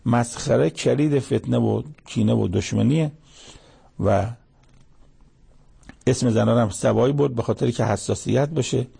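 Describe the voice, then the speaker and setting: A man delivers a sermon, explaining Quranic verses line by line. His voice is heavily gravelly and husky, with a dark, mellow color. He grows animated when he acts out quotes. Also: medium pitch, pauses often. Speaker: preacher.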